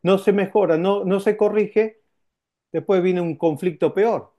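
A man preaches a sermon in a high-pitched voice. His tone is mellow and warm rather than sharp. He talks to the congregation conversationally, repeating key points and asking rhetorical questions. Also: fairly even intonation, unhurried. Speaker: pastor.

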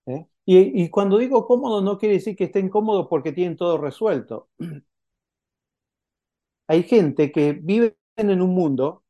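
Male pastor, mellow tone, chatty sermon delivery full of rhetorical questions. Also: high-pitched, expressive, highs cut off. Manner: conversational, asks the congregation rhetorical questions; halting, with frequent restarts.

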